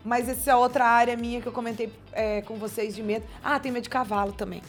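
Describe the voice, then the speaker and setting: A woman, chatting as co-host. Her manner is easygoing, chatty and gently teasing. Faint music runs behind her. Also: fairly high pitch, fairly even intonation, fast talker. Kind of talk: casual chat.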